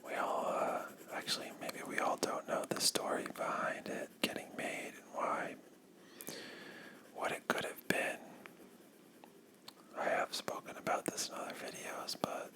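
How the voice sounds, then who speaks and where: Breathy asmr whisper right up on the mic, slow relaxed coloring chat, drifts off mid thought. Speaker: YouTuber with a coloring channel.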